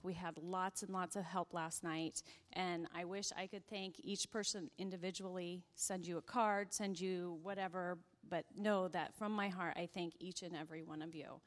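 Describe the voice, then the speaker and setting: Grateful woman thanking church volunteers. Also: fairly low pitch. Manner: grateful, self-deprecating, laughing easily. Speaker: event organizer thanking volunteers. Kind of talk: speaking to a congregation. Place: church sanctuary. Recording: echoey church hall.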